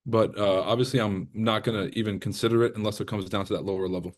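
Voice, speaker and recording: A man's voice: fairly low pitch, steady tone, fast talker. Sarcastic man heckling on a live stream. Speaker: live trading stream host reacting to a broadcast. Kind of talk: casual live commentary.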